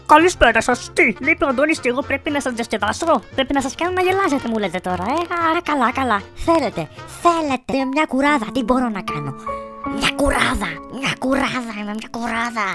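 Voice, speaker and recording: A man voicing a silly, chirpy talking poop character in a squeaky high voice. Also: expressive, sharp tone, faint music behind, full character voice. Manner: squeaky, giddy jokey delivery.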